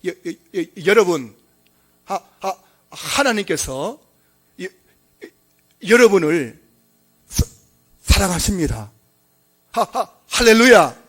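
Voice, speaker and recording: A man mimicking a country preacher who stumbles over every opening syllable and then pushes the word out loud and high. His delivery is slow and drawn out, and his voice climbs well above its usual pitch. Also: sing-song, exaggerated voice. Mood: halting earnest. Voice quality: heavy stutter, drawn-out syllables. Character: stuttering male rural pastor preaching.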